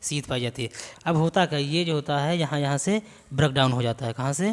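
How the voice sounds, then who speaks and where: A male biology teacher giving an exam-prep lecture. He dictates notes slowly, then explains them and quizzes the class with repeated questions. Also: fairly high pitch, long reverb tail.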